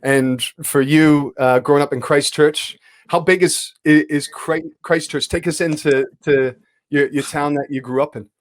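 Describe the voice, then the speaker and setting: A man's voice: fairly high pitch, steady tone, a little slow. A man hosting a casual podcast interview, asking long winding questions full of restarts. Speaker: podcast host and club announcer.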